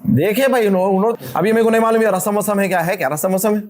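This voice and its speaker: A man with a South Indian Hindustani accent gives an informal religious talk on marriage to a live audience. His voice sits a little high for a man. He stays conversational and animated, teasing his listeners and slipping into quick acted-out voices. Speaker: Islamic speaker leading a marriage workshop.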